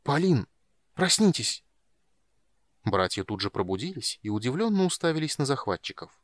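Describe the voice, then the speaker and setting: Male narrator for fantasy audiobook, expressive and dramatic, dry booth sound. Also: on the low side, fast talker, no echo. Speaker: audiobook reader.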